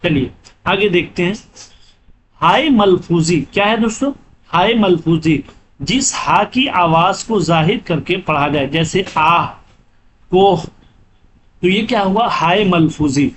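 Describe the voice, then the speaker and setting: A man's voice: sits high, expressive, a bit bright, slight background noise. A man teaching grammar for an exam, repeating terms and asking then answering his own questions. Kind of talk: exam-prep lesson.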